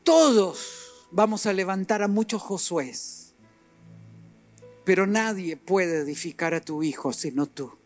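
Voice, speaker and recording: A middle-aged male preacher delivers a sermon in a high voice, swinging between quiet asides and forceful, emphatic peaks. He acts out short exchanges as he goes. Soft music plays faintly underneath. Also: takes it slowly. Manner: animated, acts out dialogue and rises to emphatic peaks.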